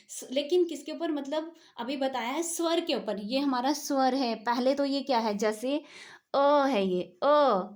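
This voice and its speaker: Slow, high-voiced woman teaching grammar. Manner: asks and answers own questions, repeats key words. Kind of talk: explaining Hindi grammar.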